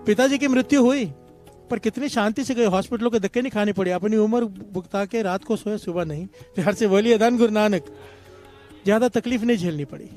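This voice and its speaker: A man's voice: high-pitched, fast talker, darkish tone, soft background music. A man preaching a devotional sermon, telling simple parables and leading the congregation in a repeated refrain. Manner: calls himself a humble servant and tells simple parables. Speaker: satsang preacher.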